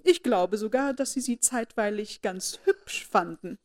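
A woman's voice: mid-range voice, measured pace, close to an everyday voice. A woman reading aloud, voicing a jealous, spiteful young society lady who needles and belittles. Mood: needling. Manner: snide, needling.

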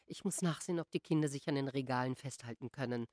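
A woman's voice: rumbling low, fast talker, no room sound. Seasick lady of the house, anxious and sighing, read by a female narrator. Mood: worried. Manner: sighing, hushed. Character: worried seasick mother, a gentry lady.

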